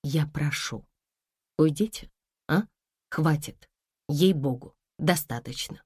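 Brief: worn-out young woman, voiced by a female reader, soft and weary, very dry recording. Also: mid-range voice, very animated, normal speed, dry recording, lightly acted. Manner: quiet, weary, pleading. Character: tired, subdued young woman.

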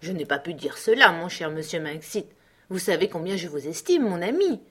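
A woman's voice: on the low side, sing-song, normal speed, a bit bright, slightly rough, heavily acted. A woman reading the part of a cowardly middle-aged male doctor who fawns and pleads. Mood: fawning. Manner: obsequious, pleading.

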